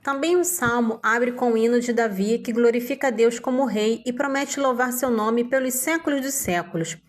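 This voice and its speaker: A woman calmly reading Bible passages and short summaries in an even, measured way. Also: fairly high pitch. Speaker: Bible reader.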